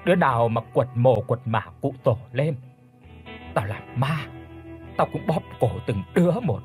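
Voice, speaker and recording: A man's voice: medium pitch, expressive, a little slow, darkish tone, soft background music, natural voice. A man voicing a frail, bitter old village mother, weak and anguished, in an audio storybook. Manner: weak, anguished, wailing curses.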